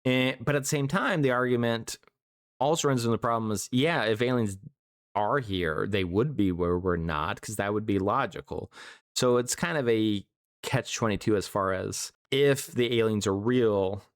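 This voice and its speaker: Male podcast co-host, smooth low voice, quick, thinks out loud, self-deprecating. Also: no room sound, studio quality. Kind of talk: casual podcast chat.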